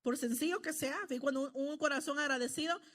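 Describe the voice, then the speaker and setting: A middle-aged woman from El Salvador with a high-pitched voice delivers a sermon. She speaks earnestly and conversationally, often turning to her listeners with quick tag questions. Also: fairly bright tone. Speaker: preacher.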